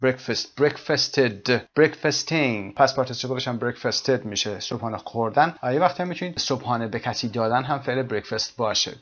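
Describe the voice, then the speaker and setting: A man teaching an English lesson, repeating phrases slowly and then explaining them. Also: mid-range voice, fairly bright tone, lo-fi sound. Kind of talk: language lesson explaining a text.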